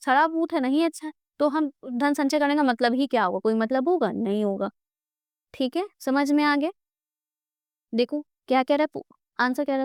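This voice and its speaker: A woman's voice: a little high, clear, resonant tone, no room sound. A woman teaching an exam-prep grammar lesson on a close mic, coaxing her students and asking herself questions before answering them. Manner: addresses students as "beta".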